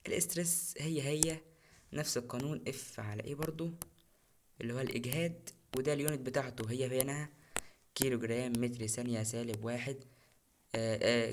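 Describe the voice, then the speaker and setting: Young man, Egyptian Arabic accent, quick physics tutoring, casual, repeats terms, faint hiss behind. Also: mid-range voice. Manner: casual and chatty, repeats key terms, mixes English terms in. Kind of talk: recorded exam-prep lesson.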